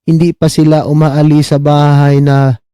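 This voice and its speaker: A middle-aged man from the Philippines doing casual live-stream commentary, mocking his subjects, asking "di ba?" again and again and giving shout-outs to viewers. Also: fairly high pitch, little pitch movement, normal speed, clear, resonant tone, dry recording, studio quality. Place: abroad, talking on a live stream.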